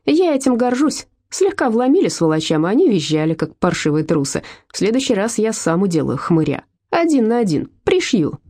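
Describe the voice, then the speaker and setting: A woman's voice: mid-range voice, sing-song, a little fast, few pauses, dark tone, pitched above the performer's own voice. A woman voicing a hot-tempered, reckless teenage boy who talks boastfully and angrily, in a storybook reading. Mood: defiant, angry. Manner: boastful and angry.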